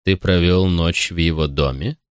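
A man's voice: low voice, normal speed, smooth, no room sound, clean studio sound, natural voice. A man reading an audiobook voices a cold, domineering father who questions his son bitterly and sternly. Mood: cold, cutting. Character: cold, domineering middle-aged father, a consul. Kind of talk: audiobook character voice.

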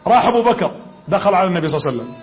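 A man preaching in a Gulf Arabic accent, his voice pitched unusually high and his words tumbling out quickly. He tells the story with energy and keeps quizzing his listeners. The recording sounds dull and lo-fi. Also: soft background music. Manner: lively storytelling that quizzes the audience. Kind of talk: religious lecture.

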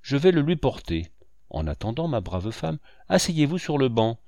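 A man voicing a brisk, kindly woman servant in a storybook reading. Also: medium pitch, sing-song, mellow, no echo, clean studio sound. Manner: brisk, coaxing.

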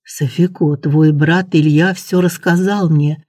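A reader voicing a passionate young prince who speaks quietly in a low chest baritone. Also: steady tone, slow, dry recording, clean studio sound. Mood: tender.

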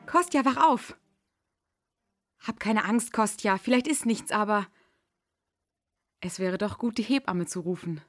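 An actress playing a gentle young wife in a radio drama, speaking urgently yet soothingly. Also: female voice, medium pitch, unhurried, pauses often, soft background music, natural voice. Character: young wife waking her husband, gentle.

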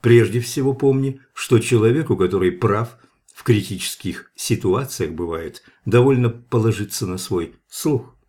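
A man's voice: fairly low pitch, normal speed, a little mellow, natural voice. A man reading the parting advice of an older male institute director in a grave, instructive manner.

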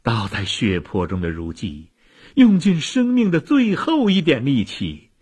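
A man telling a historical tale dramatically, swinging from loud declaiming to hushed low asides. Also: huge pitch swings, measured pace, breathy edge. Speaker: storyteller.

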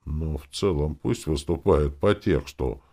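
A man voicing a hot-tempered young female elf writer who squeaks and swears. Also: huge pitch swings, unhurried, heavily acted. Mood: heated.

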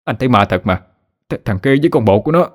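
A man's voice: mid-range voice, lively intonation, fast talker, soft background music, close to an everyday voice. A man voicing a stammering, frightened husband. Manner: stammering, pleading.

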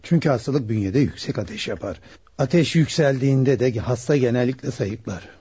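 An actor playing a doctor in a radio drama, measured and reassuring. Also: male voice, medium pitch, lively intonation, dark tone, slightly rough, no echo. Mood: calm. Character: calm middle-aged male doctor. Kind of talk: 1960s Turkish radio drama acting. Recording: dull lo-fi archive radio recording.

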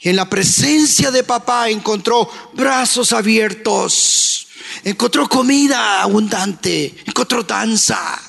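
High-pitched pastor preaching in a hall. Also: male voice, slow, vocal fry. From Colombia. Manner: preaching with rising shouts and sung phrases. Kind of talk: sermon. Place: church hall. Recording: live church recording with long reverb.

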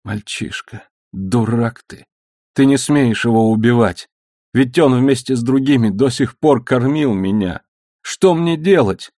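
A man reading an audiobook, voicing a sick, despairing young woman who speaks quietly and wearily. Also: deep voice, normal speed, gravelly, dry recording, studio quality. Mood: distraught.

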